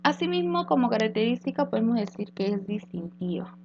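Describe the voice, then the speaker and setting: Female teacher, fairly high and gravelly, patient explainer, dull lo-fi recording with mains hum. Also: sing-song, a little mellow. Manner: explains slowly with rhetorical questions and fillers. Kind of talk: recorded grammar lesson.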